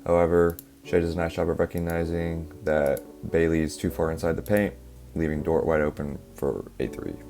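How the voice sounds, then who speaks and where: This basketball analysis creator, a young man with a low voice slightly hoarse from coughing, walks through game film step by step at a moderate pace. He's relaxed and uses many fillers while background music plays.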